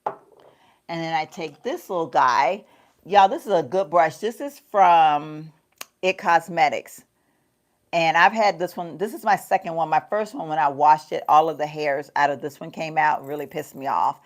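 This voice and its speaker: A middle-aged woman with a slightly low voice chats loosely through her makeup routine, calling her viewers y'all. She rambles, laughs often and keeps it casual and homey. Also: a little slow. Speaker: beauty vlogger. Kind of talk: casual get-ready-with-me livestream chat. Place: home.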